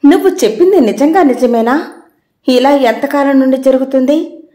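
A woman voicing a caring but quick-tempered housewife who scolds and questions sharply. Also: high-pitched, mellow, roomy sound, natural voice. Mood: scolding.

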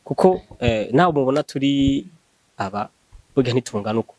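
A young man from Burundi, leader of a gospel group, answering interview questions in an earnest, measured way. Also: mid-range voice, animated, darkish tone, no echo.

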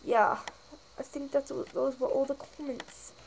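A high-pitched young woman sits at home, chatting through her viewer comments one by one. She keeps it loose and giggly. A faint background hiss stays under her voice on the camera mic. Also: little pitch movement, takes it slowly, creaky, darkish tone, rough recording. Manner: chatty, giggly, reads comments aloud and answers them. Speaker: channel host. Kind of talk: casual comment-reading vlog.

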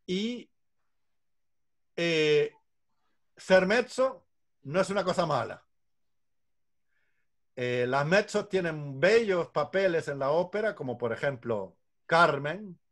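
A man's voice: a little high, lively intonation, takes it slowly, long pauses, a bit bright. An older man, a singing teacher, patiently explaining voice ranges in an online lesson from a room at home over a video call. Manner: patient, explanatory, illustrates with counting and examples.

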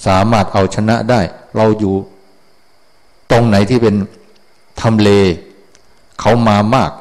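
A Buddhist monk giving a casual dharma talk, blunt and folksy, often drifting off the point. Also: male voice, lowish voice, fairly even intonation, slow, darkish tone.

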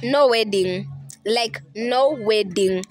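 Taking it slowly, a woman in her twenties with a Kenyan accent speaks in a slightly high voice into a handheld mic outside. She's insistent and defiant, repeating her points in an emotional street interview with faint music behind.

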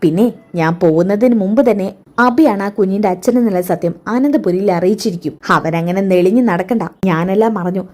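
A woman's voice: medium pitch, a little fast, a little mellow, lightly acted. A woman voicing a determined young woman who speaks firmly and resolutely. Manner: firm, resolute.

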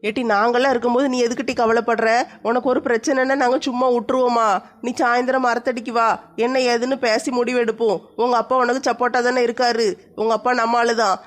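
A woman's voice: fairly high pitch, little pitch movement, fast talker, close to an everyday voice. A woman playing a tall, bossy, newly married village woman in a comic skit, teasing and coaxing. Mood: reassuring.

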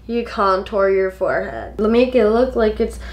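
A woman's voice: medium pitch, measured pace. A giggly, drunk woman in her twenties rambling casually to camera while doing her makeup. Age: 20s. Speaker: makeup vlogger. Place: small home kitchen, indoors. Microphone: camera a step or two away. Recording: echoey room, camera mic.

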